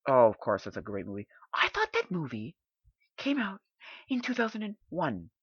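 A man hosting a podcast in casual chat, rambling and halting as he thinks aloud. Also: a little high, huge pitch swings, fairly bright tone, breathy edge, no room sound. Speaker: podcast host. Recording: dull lo-fi dry sound.

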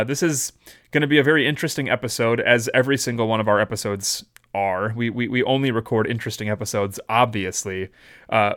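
Man, mid pitch, podcast host, chatty, joking, rambling casual talk. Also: fairly bright tone.

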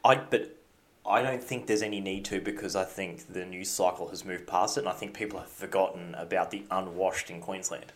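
A man's voice: deep voice, fairly even intonation, a little fast. An Australian man co-hosting a casual podcast, dry and jokey, often answering with short agreements. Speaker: podcast co-host.

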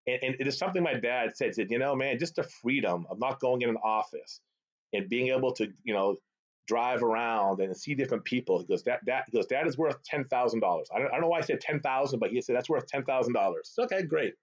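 A fast-talking middle-aged man with a mid-range voice appears as a guest in a casual storytelling interview, working as a sales executive. Raised in the Boston area, USA, with a Boston accent, he speaks Arabic as his first language and chats animatedly, often tagging on "right?". Call audio is lo-fi and slightly dull.

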